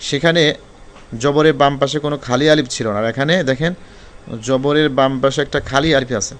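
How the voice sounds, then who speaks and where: A man teaching Quran reading, spelling out Arabic letters slowly one by one and explaining the rules more quickly. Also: medium pitch, steady tone, clear, resonant tone. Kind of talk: spelling-out recitation lesson.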